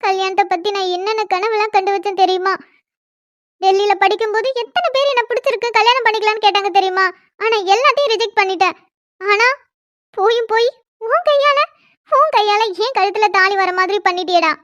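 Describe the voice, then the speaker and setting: A woman doing a shrill, scolding cartoon young woman. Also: a little fast, a bit bright, no room sound, highs cut off. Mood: indignant. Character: young woman, furious, newly forced into marriage. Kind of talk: cartoon dialogue.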